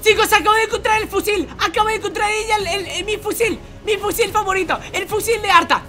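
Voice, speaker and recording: A young man from Spain with a Spanish accent, doing excited gameplay commentary, going from hushed whispers to shouts and repeating himself rapidly. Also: very high voice. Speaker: gaming YouTuber. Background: music.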